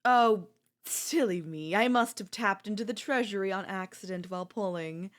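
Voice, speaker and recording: A woman's voice: medium pitch, moderate pace, natural voice. A woman voicing a bratty, spoiled young queen in an ASMR audio role-play, whiny and playfully haughty. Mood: haughty pouty.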